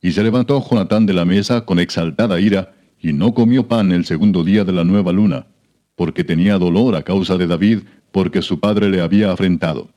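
A man reading scripture aloud in a measured, solemn narration. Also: low voice, lo-fi sound. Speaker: scripture reader.

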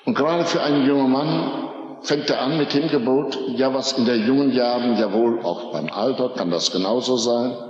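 A man preaching a fervent revival sermon, firing off rhetorical questions and climbing to high emphatic peaks. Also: moderate pace, dull audio. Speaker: pastor. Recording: echoey hall, old recording.

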